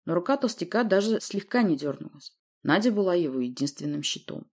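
Husky low-voiced woman narrating. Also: lively intonation, fairly quick, a little mellow. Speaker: audiobook narrator. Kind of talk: scripted first-person narration.

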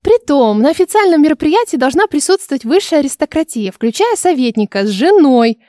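A woman doing a cheerful young noblewoman in an audiobook, pitched high and bright. She teases and presses with a theatrical, insistent flair. The recording is close and dry. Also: sing-song, fairly quick, no echo. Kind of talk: audiobook character voice.

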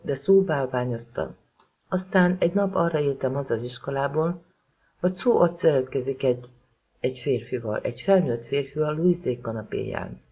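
A man voicing a remorseful young woman who haltingly recounts painful memories in a husky voice. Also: fairly high pitch, mellow, highs cut off, full character voice.

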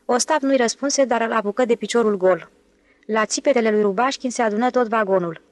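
A woman narrating an audiobook novel in an even, clear reading style. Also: on the high side, dry recording. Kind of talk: scripted narration.

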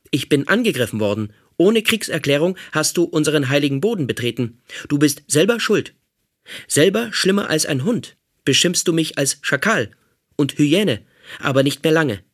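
Man voicing a hostile robot soldier, raised pitch, loud and menacing, husky edge. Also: expressive, normal speed. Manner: menacing, accusing, stiff.

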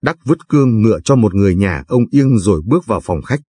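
Husky male audiobook narrator. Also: fairly low pitch, animated, fast, warm tone, no echo.

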